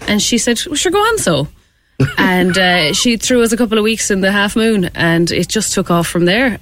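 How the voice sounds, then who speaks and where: A woman's voice: on the low side, a bit bright. A woman from County Clare with a west of Ireland accent, telling stories in casual, colloquial radio interview chat. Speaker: improv theatre performer, radio guest.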